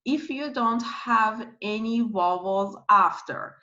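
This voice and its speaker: A woman teaching pronunciation slowly, repeating each word and spelling out letters. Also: fairly high pitch, sharp tone, lo-fi sound. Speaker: French teacher. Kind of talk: slow pronunciation lesson.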